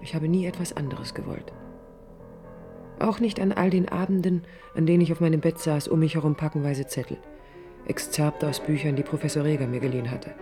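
With a deep voice and light acting, a woman leads a 1980s East German radio drama as its first-person narrator, playing an idealistic young architect who is reflective but stubborn and defiant. Her introspective monologue is intimate, thoughtful and earnest, at times sinking to almost a whisper.

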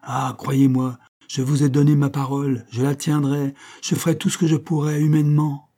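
A man's voice: mid-range voice, fairly even intonation, moderate pace, dark tone, natural voice. A man voicing a proud, defiant young woman revolutionary who speaks with bitter contempt in an audiobook reading. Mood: mocking.

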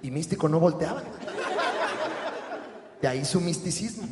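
A stand-up comedian, animated and shouting during his bits. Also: fairly high pitch, moderate pace, very noisy. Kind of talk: stand-up set. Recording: echoey theater with loud crowd.

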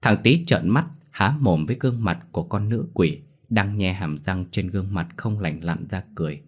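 A man reading a horror story aloud as its narrator. His voice sits low and his delivery stays steady and measured throughout. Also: breathy edge.

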